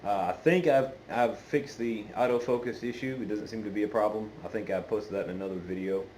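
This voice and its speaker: Male hobby vlogger, lowish pitch, hesitant rambling conversational delivery, noisy homemade phone audio. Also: darkish tone. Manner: hesitant, meandering, halting delivery. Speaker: pipe-smoking video channel host. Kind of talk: casual unscripted chat to viewers. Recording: clearly noisy amateur phone recording.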